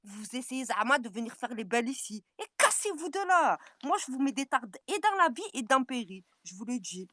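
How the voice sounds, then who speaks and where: A woman on a furious, taunting rant, repeating her challenges and swinging between yelling and low, menacing mutters. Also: very animated, a little fast, hardly any pauses, no echo, studio quality. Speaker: social media personality. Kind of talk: angry direct-to-camera rant.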